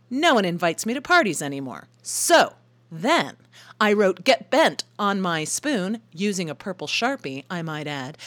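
A woman's voice: medium pitch, a bit bright. A woman hosting a short radio feature, telling her story as scripted narration in a wry, enthusiastic way.

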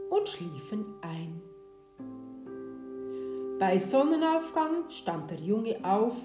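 A woman reading a fairy tale aloud in a gentle, expressive way, in a roomy space with soft guitar behind. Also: medium pitch. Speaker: storyteller.

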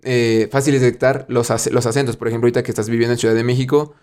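A man with a Mexican accent hosting a podcast, asking long rambling questions in a relaxed, slangy way. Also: mid-range voice, very fast, clean tone. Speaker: podcast host. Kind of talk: casual chat.

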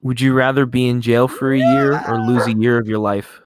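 A man's voice: mid-range voice, level tone, fairly quick. A young man leading a casual would-you-rather chat with friends, giggly and easygoing. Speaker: friend asking the questions. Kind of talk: casual banter.

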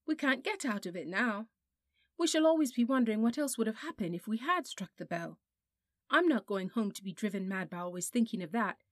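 A woman's voice: a little high, lively intonation, a little fast, dry recording, clean studio sound, lightly acted. A woman voicing a stubborn, curious young boy who argues eagerly and insistently in a storybook reading. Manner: insistent and eager, rising to heated.

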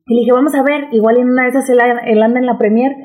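A woman with a Mexican accent, co-hosting a casual chat, telling a story in a lively, slangy way. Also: on the high side, rapid-fire. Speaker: podcast co-host.

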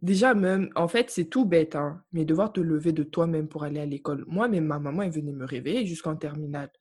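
A woman's voice: low-pitched, quick pace, husky. A young woman from Africa chatting casually on a podcast, telling stories emphatically. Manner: emphatic, animated storytelling. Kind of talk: casual chat.

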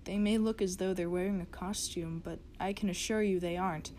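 A woman reading a horror story as a frightened diary writer, in a hushed, whispering narration. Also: on the low side, steady tone, a little fast, slight background noise, close to an everyday voice. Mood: fearful. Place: closet.

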